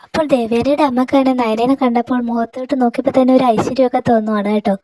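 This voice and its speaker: A woman's voice: fairly high pitch, fairly even intonation, racing, mellow, no echo. A woman casually retelling a TV serial episode in a chatty, listener-addressing way. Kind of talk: casual spoken recap.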